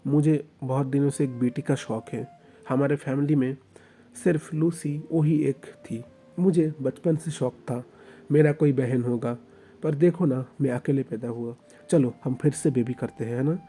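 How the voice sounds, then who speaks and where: A man voicing a dominant, possessive young mafia husband in a storybook romance, talking low and coaxing. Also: normal speed, warm tone, soft background music, lightly acted. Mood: pleading. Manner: low, coaxing, then commanding.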